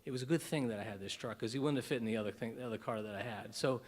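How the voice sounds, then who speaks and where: Rapid-fire and mid-range, a man's voice rings through a large hall as he gives a keynote at a conference breakfast. He pokes fun at himself, tells stories with animation and keeps restarting his sentences.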